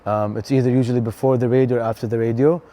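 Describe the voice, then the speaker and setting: A Canadian DJ and venue co-founder, appearing as a guest in a casual interview chat, speaks in a mellow, medium-pitched voice at a racing pace. He's relaxed and chatty, peppering his talk with fillers and "bro".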